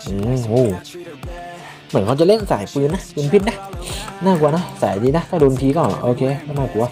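A young man giving casual, excitable gameplay commentary and swearing often. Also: on the high side, normal speed, over music. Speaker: gamer.

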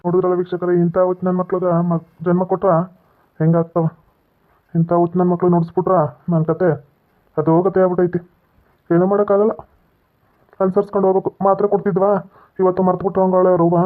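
Man, exasperated aside, very fast, high voice. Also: level tone. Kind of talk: aside to viewers in comedy skit. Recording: tinny phone-like lo-fi audio.

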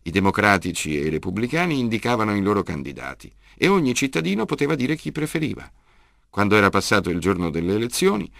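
A man voicing a stubborn, loud older grandfather in an audiobook reading, with a gravelly voice. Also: lowish voice, dry recording, clean studio sound.

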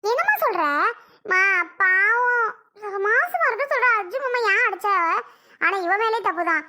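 Someone doing a snappy young wife, talk, squeaky high and bright. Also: lively intonation, exaggerated voice. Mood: curious. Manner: curious, quick, snapping back. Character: sharp-tongued young married daughter. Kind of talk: family skit acting.

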